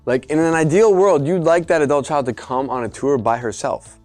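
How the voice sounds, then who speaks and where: A man's voice: a little high, fairly quick, darkish tone, faint music behind. A man giving casual, conversational business advice to camera as a coach, emphatic, with jokey asides. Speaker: adult day care business coach.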